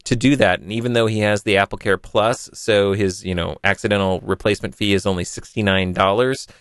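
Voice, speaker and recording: Low smooth guy chatting on a tech podcast, dry close sound. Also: steady tone, a little fast, a bit bright, dry recording. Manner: chatty, rambling with restarts. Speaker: podcast host. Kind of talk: casual tech podcast talk.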